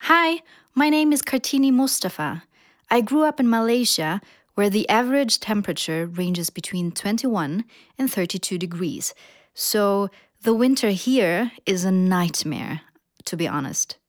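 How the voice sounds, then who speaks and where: A woman's voice: medium pitch, animated, unhurried, no room sound, clean studio sound, lightly acted. An actress reading a scripted testimonial as a woman from Malaysia who speaks frankly about the cold winters. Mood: complaining. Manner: frank, mildly complaining. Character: woman from Malaysia, young adult, bothered by the cold. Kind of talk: scripted testimonial for a listening test.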